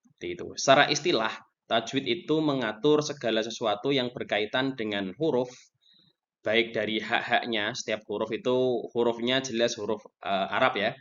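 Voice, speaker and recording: A man's voice: medium pitch, normal speed, a bit bright. A man teaching a Quran recitation lesson, explaining patiently and repeating himself with frequent checks. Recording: dull lo-fi recording.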